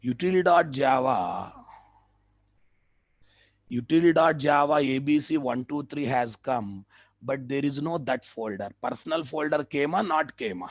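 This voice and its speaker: Male tech trainer, Telugu Indian accent, mid-pitched voice, repetitive instructional phrasing, checking questions, dry recording. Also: expressive, a little slow, no room sound. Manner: repeats phrases for emphasis, checks understanding with questions. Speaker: software trainer teaching a class. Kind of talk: live tutorial lecture.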